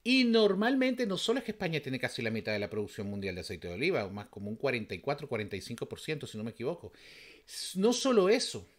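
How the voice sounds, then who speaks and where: Speaking fast in a medium-pitched voice whose pitch swoops wildly, this Venezuelan vlogger reacts casually and emphatically in his Venezuelan accent. His commentary is packed with rhetorical questions.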